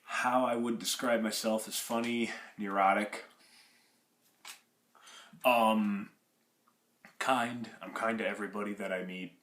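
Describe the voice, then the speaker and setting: This twenty-something acting applicant, originally from Russia and raised in Michigan, meanders through his audition interview with frequent restarts and fillers. He speaks slowly on a lowish, fairly flat, slightly bright voice, pausing often in an echoey room.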